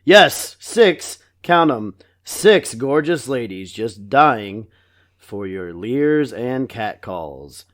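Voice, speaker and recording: A man's voice: medium pitch, sing-song, drawn-out words, pitched below the performer's own voice. A man voicing a stiff school principal who hawks like a talking doll in stilted lines. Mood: flat hype. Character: stiff doll-voiced school principal reading strip club hype.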